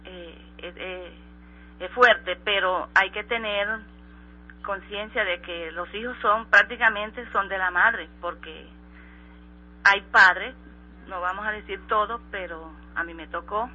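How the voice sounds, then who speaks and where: A middle-aged woman from Colombia, giving an emotional personal testimony in an interview, halting and repeating words as she goes. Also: mid-range voice. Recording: slightly muffled radio with soft music.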